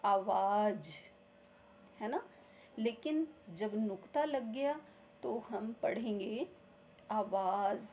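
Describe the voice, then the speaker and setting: Woman teacher, very slow deliberate delivery, slightly high voice, faint hiss behind; patient classroom explainer who repeats every example. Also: animated, darkish tone. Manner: repeats each example word slowly, often asks "ठीक है". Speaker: Hindi grammar teacher.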